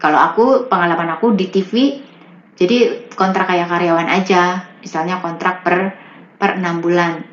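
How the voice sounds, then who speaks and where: A woman working as a voice-over artist, chatting casually in an interview and explaining with lively rises in her voice. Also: on the low side, normal speed, pauses often. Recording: roomy, slightly dull recording.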